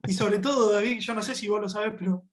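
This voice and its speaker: A man from Argentina with a Rioplatense Argentine Spanish accent, a podcast guest in casual conversation, relaxed and using voseo and local slang. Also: high voice, fast talker.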